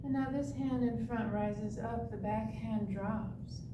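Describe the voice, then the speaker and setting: A woman tai chi instructor giving serene, meditative movement and breathing cues with long pauses. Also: fairly even intonation. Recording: echoey, distant mic with clear rumbling noise.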